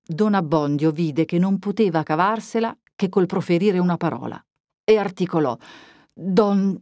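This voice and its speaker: A woman narrating a literary audiobook in a measured, expressive storytelling voice. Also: on the low side, no echo, clean studio sound. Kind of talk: literary reading.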